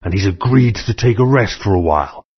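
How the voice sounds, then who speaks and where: A man voicing a scheming reptilian tyrant general, menacing and mocking, with a gravelly, husky voice. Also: lowish voice, lively intonation, fairly quick. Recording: muffled lo-fi game audio.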